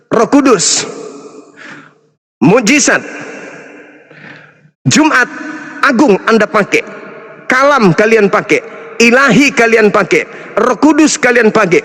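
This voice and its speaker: A man's voice: very high-pitched, pushed and bright, in a large hall. A man, an Islamic apologist, lecturing and taunting his opponents in a combative interfaith debate.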